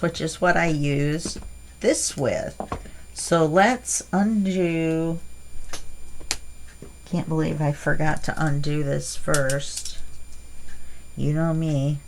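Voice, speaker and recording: A middle-aged woman hosts a casual crafting unboxing on her channel, chatting and rambling with fillers, her voice stuffy from allergies. Her voice sits low, with vocal fry, a slow pace and long pauses, and there is slight background noise.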